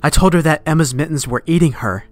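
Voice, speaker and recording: A man reading a horror story aloud in a measured voice that sinks to a hush at tense moments, with faint music behind. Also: on the high side. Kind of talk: scripted horror narration. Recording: dry close recording, faint music behind.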